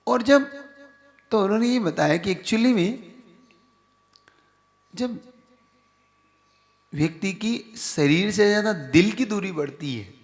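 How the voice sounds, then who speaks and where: A man's voice: high-pitched, lively intonation, takes it slowly, pauses often. A man, a monk, giving a conversational sermon and putting questions to his audience. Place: large hall with an audience. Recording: reverberant hall.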